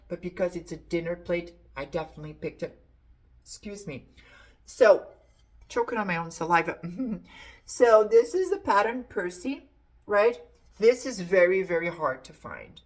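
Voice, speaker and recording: A middle-aged woman chatting to camera about an antiques haul, repeating words for emphasis. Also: lowish voice. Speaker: antiques reseller showing a haul. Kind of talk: casual chat to camera.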